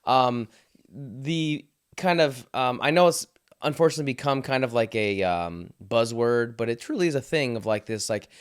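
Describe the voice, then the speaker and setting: A man's voice: medium pitch, normal speed, smooth. A man in his thirties hosting a casual podcast with his wife, rambling with lots of fillers and swearing freely. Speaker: podcast host.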